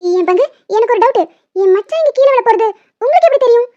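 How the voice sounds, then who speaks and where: A very high, quick-talking young wife scolds and questions the men in a cartoon, put on by a woman. Her tone is warm but the recording is dull and muffled. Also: lively intonation. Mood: scolding. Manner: scolding, suspicious.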